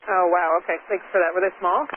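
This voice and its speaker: A man in the controller's seat rattles off clearances in a brisk, clipped radio cadence, his voice riding fairly high. It comes through a narrow, tinny air-band radio. Loud static hiss and crackling bursts surround every transmission. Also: fairly even intonation. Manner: brisk, matter-of-fact.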